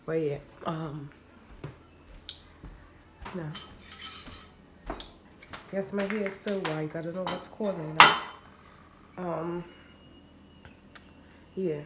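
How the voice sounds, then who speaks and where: A woman's voice: lowish voice, background noise. A woman vlogging casually from a relative's home, rambling with lots of fillers and laughing easily, her phone on a monopod a little away from her. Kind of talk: casual vlog chat. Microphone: phone on a monopod held a bit away.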